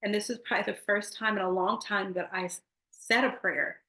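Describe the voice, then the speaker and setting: A woman's voice: mid-range voice, steady tone, fairly quick, bright, forceful tone. Earnest woman sharing a faith testimony. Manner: earnest, emotional, speaks directly to viewers. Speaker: testimony speaker. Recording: echoey room.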